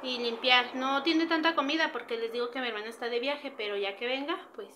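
Woman, 30s, high bright voice, casual cleaning vlog, kitchen at home, camera on the counter. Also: brisk, a little hiss or hum. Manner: chatty, addresses viewers directly. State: sweaty from cleaning. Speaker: vlogger.

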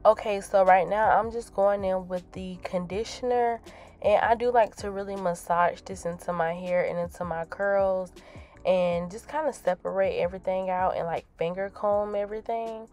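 A woman's voice: medium pitch, fairly even intonation, normal speed, a little mellow. A young woman who sounds under the weather, chatting casually and informally to the camera in a hair tutorial. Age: young adult. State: sick, with an affected voice. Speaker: natural hair vlogger. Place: small tiled home bathroom, indoors. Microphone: camera mic a short distance away. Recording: echoey bathroom, distant mic, music behind.

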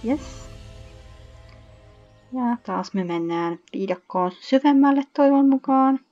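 A woman's voice: on the high side, soft background music. Chatty woman gamer, lo-fi mic. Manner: chatty, reads game text aloud, excited shrieks. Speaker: gaming YouTuber. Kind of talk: casual let's-play commentary.

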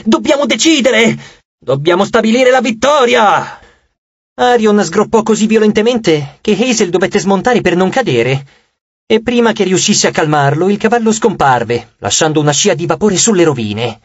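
High-voiced man narrating an audiobook. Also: expressive, moderate pace, dry recording, lo-fi sound. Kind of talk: scripted narration.

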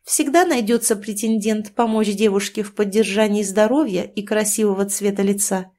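A woman's voice: medium pitch, fairly even intonation, normal speed, warm tone, natural voice. A woman reading an audiobook, voicing a scheming, sarcastic young woman who taunts her lover. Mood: mocking.

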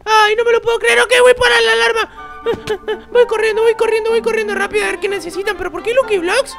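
A performer voicing Bebe Timo, an excitable, dramatic baby boy with squeaky, shrieking outbursts, in a Minecraft role-play. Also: brisk, gravelly, soft background music, heavily acted. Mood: excited. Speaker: host.

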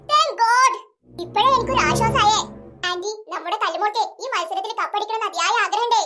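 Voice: very high-pitched, normal speed, background noise. A voice actor playing bossy little schoolgirls in a cartoon, chirpy and scolding. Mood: wheedling. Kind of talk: cartoon voice acting.

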